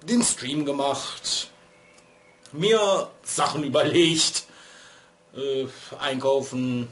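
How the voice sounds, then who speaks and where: Very slowly and with a slightly bright, medium-pitched voice, a man in his thirties vlogs from a small room at home under LED strip lighting. A little stuffy from a cold, this streamer chats in a rambling, digressive way and keeps making fun of himself.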